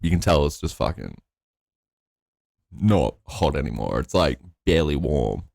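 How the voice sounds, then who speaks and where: A young man with a notably deep voice tells a long, rambling anecdote, peppered with swearing. His delivery is laid-back and conversational, recorded dry and close. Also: animated, a little slow, gravelly, a little mellow, no room sound. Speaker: podcast co-host. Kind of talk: casual storytelling chat.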